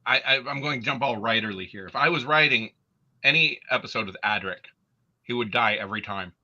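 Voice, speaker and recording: Forceful, jokey man in his 50s. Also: mid-range voice, brisk. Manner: animated, jokey storyteller. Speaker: podcast co-host and writer. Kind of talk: casual panel chat. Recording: dull lo-fi audio.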